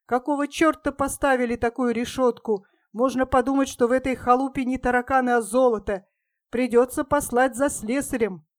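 Woman doing a gruff cop guy, snaps and scolds, kinda high, dry audio. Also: steady tone, normal speed, dry recording, lightly acted. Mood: exasperated. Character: gruff male policeman, impatient and bossy.

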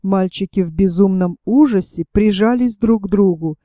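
A woman narrating a storybook in a measured, expressive way. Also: medium pitch, no echo, studio quality. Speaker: audiobook narrator.

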